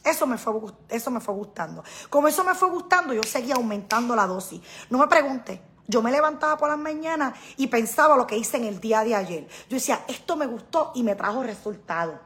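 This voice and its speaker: A woman's voice: on the high side, animated, a little fast, hardly any pauses, fairly bright tone. A middle-aged woman, talking casually and emphatically to her viewers, often repeating herself. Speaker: vlogger. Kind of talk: casual live-stream talk to viewers.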